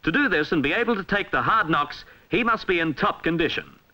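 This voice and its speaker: Delivering a scripted narration for a 1960s instructional film, a man with an Australian accent sounds formal, measured and emphatic over a vintage soundtrack. His pitch is fairly high, his manner animated, and the highs are cut off.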